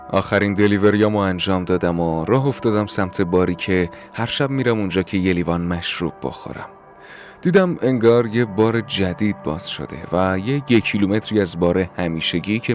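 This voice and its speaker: Male horror narrator, very deep voice, steady suspenseful telling. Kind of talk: first-person horror story narration.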